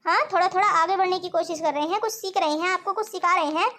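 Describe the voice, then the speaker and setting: एक औरत channel host के रूप में दर्शकों से सीधे, दोस्ताना अंदाज़ में अपील करती है।. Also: female voice, very high-pitched, steady tone, fast talker, pushed and bright. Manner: friendly direct appeal to viewers. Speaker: channel host. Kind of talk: video outro appeal.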